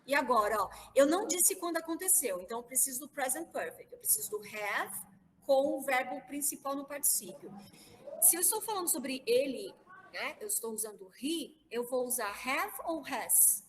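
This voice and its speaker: A woman's voice: high-pitched, lively intonation, moderate pace, slight background noise. Patient teacher woman on a video call, reverberant. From Brazil. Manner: patient, spells words out letter by letter. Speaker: English teacher. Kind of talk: online class explaining grammar.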